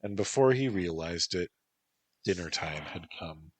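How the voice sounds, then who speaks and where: A man narrating a story in a measured, even reading. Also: sits low, breathy edge, no room sound.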